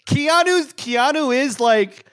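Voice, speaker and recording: A man's voice: extremely high pitch, lively intonation, slow, noisy background. A man hosting a podcast in casual chat, laughing often and filling his talk with "like". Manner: laughs often, lots of "like" fillers. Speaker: podcast host.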